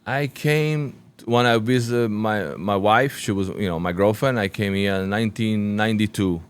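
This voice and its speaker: A man in his forties from Sicily, a restaurant owner being interviewed, speaking halting English with a Sicilian Italian accent and many restarts. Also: on the low side, clear, resonant tone. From Sicily, Italy. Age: 40s. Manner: halting non-native English with frequent restarts.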